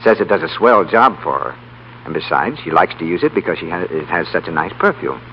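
The muffled sound of a 1930s radio broadcast, faint hum and all, carries an American man announcing a scripted show and its commercials. He has a low voice with a sing-song lilt and talks a little fast.

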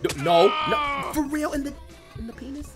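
A man doing let's play commentary, excitable and yelling at the game. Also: extremely high pitch, normal speed, over loud music. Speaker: gamer.

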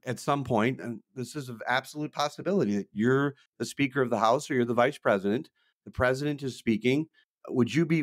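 A middle-aged man co-hosting a political podcast, telling lively stories and laughing easily. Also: medium pitch, no echo, studio quality. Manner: animated storyteller, laughs easily. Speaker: podcast co-host. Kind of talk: casual political chat.

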